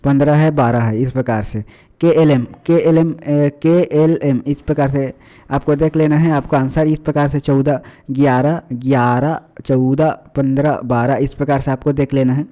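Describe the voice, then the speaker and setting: Man explaining an answer key, mellow. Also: mid-range voice, steady tone, normal speed. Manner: addresses viewers as friends, many fillers and repetitions. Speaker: exam tutor.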